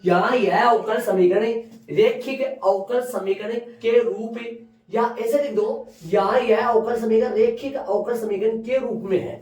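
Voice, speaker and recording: A man teaching maths to a class, repeating each step slowly and quizzing his students as he writes. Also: sits high, steady tone, a little mellow. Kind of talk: classroom lesson at a board. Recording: echoey classroom from far off.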